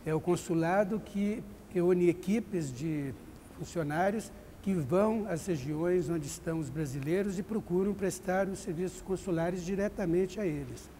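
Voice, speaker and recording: A man with a Brazilian accent, speaking as a diplomat guest in a formal interview, measured and pausing with "eh" fillers. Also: sits high, mellow, long reverb tail, a little hiss or hum. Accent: Brazilian Portuguese.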